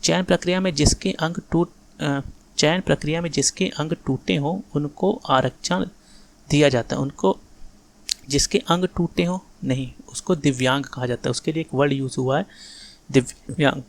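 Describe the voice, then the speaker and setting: A man's voice: on the high side, normal speed, gravelly. A man teaching a grammar exam-prep lesson in a casual lecture style, correcting sentences and often asking if the students follow. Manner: repeats corrections, checks understanding often.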